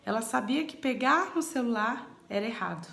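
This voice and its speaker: A woman's voice: fairly high pitch, lively intonation, normal speed, gravelly, a bit bright, roomy sound. A Brazilian woman in her thirties giving parenting advice in a chatty vlog, talking straight to her viewers. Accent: Brazilian Portuguese. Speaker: parenting vlogger.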